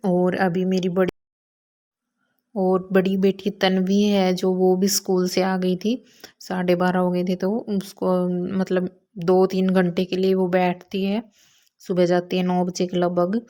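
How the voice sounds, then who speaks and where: A woman and mother telling her daily routine in a calm, casual vlog narration, with many small filler words. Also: fairly low pitch, measured pace. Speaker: mother vlogger.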